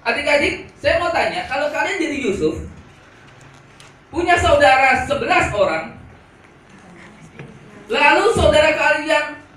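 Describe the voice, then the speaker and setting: A man preaching to students in a youth sermon, animated and asking the audience questions. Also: extremely high pitch, a little hiss or hum. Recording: echoey hall, from far off.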